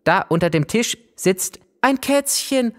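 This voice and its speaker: A man's voice: sits high, expressive, takes it slowly, fairly bright tone, pitched above the performer's own voice, exaggerated voice. A man voicing an eager young girl who loves animals. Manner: gushing, coaxing. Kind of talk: storybook character voice.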